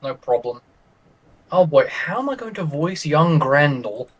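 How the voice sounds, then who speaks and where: Easygoing, jokey player, somewhat high. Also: male voice, big pitch swings, a little slow, husky, low-quality recording. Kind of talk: casual chat after a tabletop session.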